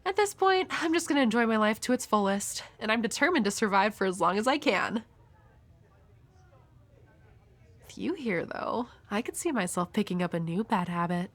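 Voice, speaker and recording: A woman's voice: medium pitch, lively intonation, brisk, few pauses, a bit bright. Himeno, a woman playing a flirty, world-weary devil hunter. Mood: seductive. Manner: teasing, coy, breathy at times. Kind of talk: intimate audio roleplay addressed to the listener.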